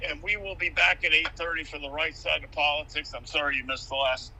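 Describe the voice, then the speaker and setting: A man's voice: on the high side, fairly even intonation, fairly quick, bright, forceful tone, a little hiss or hum. A man co-hosting a live racing show, his voice replayed from a phone held up to a speaker. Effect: voice coming from a phone held up to a speaker. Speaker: co-host of a racing talk show. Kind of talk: casual live-stream chat. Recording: re-recorded through a speaker, distant.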